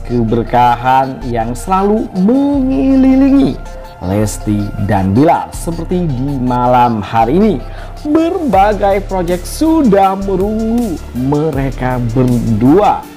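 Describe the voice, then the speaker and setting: A woman's voice: low voice, sing-song, slow pace, mellow, faint music behind. A woman narrating a celebrity gossip video in an upbeat, sing-song voice-over, addressing viewers directly. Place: voice-over recorded apart from footage.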